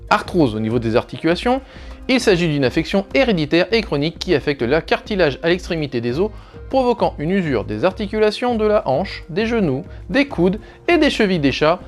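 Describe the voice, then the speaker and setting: Sarcastic man with a lively voice. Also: sits high. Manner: sarcastic, jokey asides. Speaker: YouTube host. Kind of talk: scripted informative commentary.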